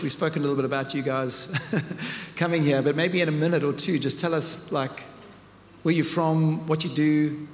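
A man's voice: fairly high pitch, long reverb tail, slight background noise. A man hosting guests onstage at his church, interviewing them in a loose, friendly chat. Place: church hall.

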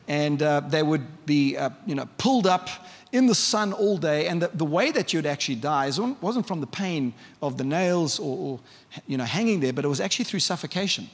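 A man's voice: on the high side, lively intonation, moderate pace. A man preaching a sermon in a church, conversational and vivid, often asking the congregation questions. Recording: long hall reverb.

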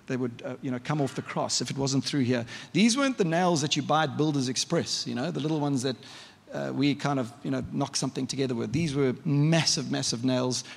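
A man's voice: medium pitch, brisk, creaky. A man preaching a sermon in a church, conversational and vivid, often asking the congregation questions. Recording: long hall reverb.

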